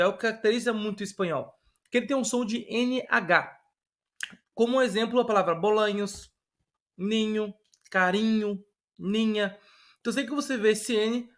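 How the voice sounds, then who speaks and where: A man with a Brazilian Portuguese accent teaching an online Spanish lesson in a casual, explanatory way, often checking in with tag questions. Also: sits high.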